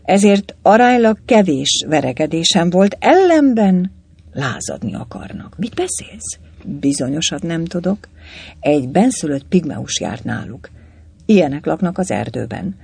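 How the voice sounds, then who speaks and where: A man reading an audiobook voices a cheerful young poet serving in the legion, chatty and lively. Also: a little high, gravelly, slightly rough, exaggerated voice. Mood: confiding. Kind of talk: audiobook character voice.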